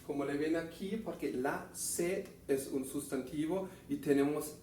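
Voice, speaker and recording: A man teaching a German class, saying example phrases slowly and clearly for students to repeat. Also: on the high side, dark tone, far from the mic, slight background noise. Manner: slow, deliberate enunciation of example phrases. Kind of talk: classroom lesson, drilling phrases aloud. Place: classroom with a whiteboard. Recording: echoey room, voice off-mic.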